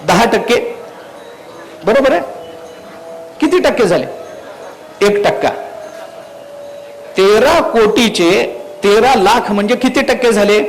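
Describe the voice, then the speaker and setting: A man's voice: sits high, a little hiss or hum, poor audio. A man from Marathwada with a Marathwada Marathi accent, preaching a devotional kirtan, quoting Sanskrit verses and firing rhetorical questions at the crowd. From Marathwada, India.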